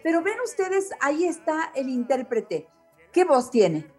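A woman's voice: sits high, sing-song, unhurried, warm tone, soft background music. A woman with a Mexican accent hosting a radio interview, effusive and affectionate, full of exclamations. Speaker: radio show host.

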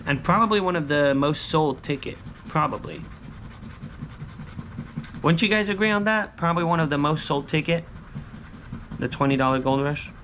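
A man's voice: a little high, moderate pace, pauses often, a bit bright. Casual male vlogger, noisy outdoor recording. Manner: informal, repetitive, punchy short phrases. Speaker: scratch-off lottery video host. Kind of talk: casual chat to viewers while scratching tickets. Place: covered outdoor patio by a pool. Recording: clear ambient background noise.

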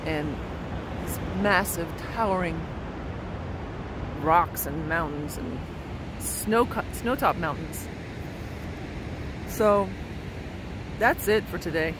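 Chatty woman vlogging outdoors on a phone. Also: on the low side. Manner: chatty and wondering, with fillers and laughs. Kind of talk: casual vlog to camera. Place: outdoors on a mountain trail. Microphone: phone at arm's length. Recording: outdoor phone audio with clear background noise.

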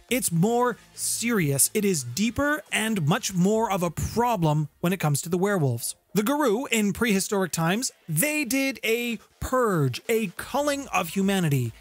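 The host of a tabletop game lore channel, a man in his thirties with a high voice, narrates a semi-scripted explainer to camera with emphasis, drawing out key words. He records in a small indoor home music room on a close condenser microphone fitted with a shield, background music running beneath his voice.

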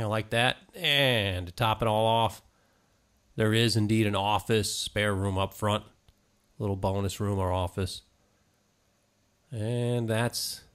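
Middle-aged male tour host, laid-back and approving, mid-pitched voice, casual walk-through delivery with chatty asides. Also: fairly bright tone.

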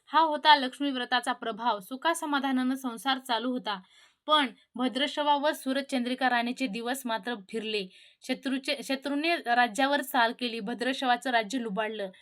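A woman narrating a devotional folk tale in a homely way, pausing with fillers and restarting words. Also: high voice, a bit bright. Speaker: storyteller.

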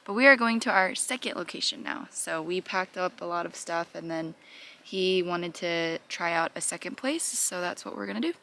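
A woman's voice: fairly low pitch, normal speed, creaky, sharp tone. A young adult woman chatting to her handheld camera while camping, telling stories with playful asides to viewers. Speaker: vlogger. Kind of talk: casual vlog chat to camera. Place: campsite outdoors and inside a car. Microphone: camera held at arm's length.

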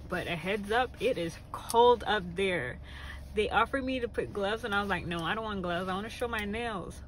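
A woman's voice: medium pitch, moderate pace, rough recording. A young woman chatting casually to the camera as a vlogger, sitting inside a car. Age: young adult.

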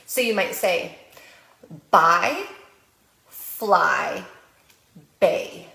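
A woman's voice: on the low side, vocal fry. Playful librarian woman with American accent. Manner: playful sing-song when reading, with animal sounds. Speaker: children's librarian. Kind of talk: storytime reading and early literacy tips. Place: library room. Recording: echoey room.

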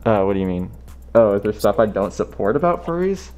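A man in a fursuit chatting with strangers on a video chat, calm and dry with a teasing sense of humor. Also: on the low side, a little fast, faint music behind. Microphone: talking from inside a fursuit head.

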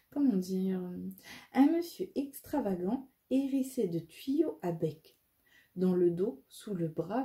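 A woman reading a children's audiobook, lively and expressive. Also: medium pitch, husky. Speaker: storyteller.

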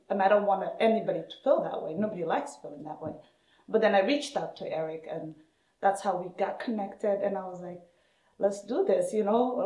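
In an interview, a Somali woman who plays hockey and is also a hockey parent tells her personal story with animation. When quoting other people, she acts out their words with her pitch rising. She's indoors in a room with equipment shelves, and the sound is roomy and echoey.

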